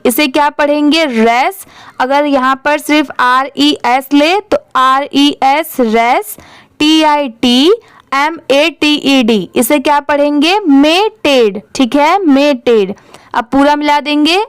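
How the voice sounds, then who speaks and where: With a high voice and no room sound, a woman teaches English reading slowly. She spells each word letter by letter, then says it slowly, and asks learners questions that she answers herself.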